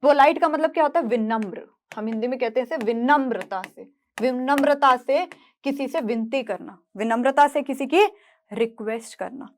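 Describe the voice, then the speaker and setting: High-voiced woman teaching grammar. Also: normal speed. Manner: explains step by step and asks checking questions. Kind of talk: grammar lesson.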